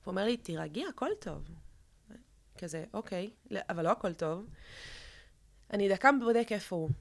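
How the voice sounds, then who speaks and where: A young woman telling a guest's personal story in an interview, halting, with many fillers and restarts. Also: mid-range voice. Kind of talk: emotional personal account in an interview.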